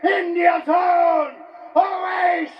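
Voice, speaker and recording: A man working as a ring announcer, calling out fighters with booming, drawn-out shouted names. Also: steady tone, distant mic, dull audio, a faint crowd, a little hiss or hum. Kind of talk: fight introductions. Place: arena. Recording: echoey arena PA from afar.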